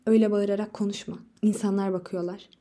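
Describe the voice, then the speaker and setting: A woman reading a story aloud gives the lines of a tense young husband who quietly pleads with his wife, in a mellow, dark tone. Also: mid-range voice, little pitch movement, quick pace, close to an everyday voice. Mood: uneasy. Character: tense young husband and soldier, hushed and uneasy. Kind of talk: audiobook reading.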